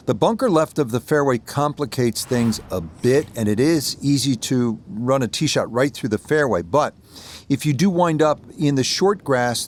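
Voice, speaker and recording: A man doing measured television-style golf commentary for a video game, with outdoor crowd ambience behind him. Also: medium pitch, slight background noise, lightly acted.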